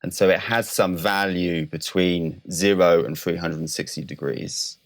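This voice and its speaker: Speaking in a deep, steady voice, a male scientist being interviewed lays out his explanations with care. He is measured and exact, qualifying each definition one step at a time.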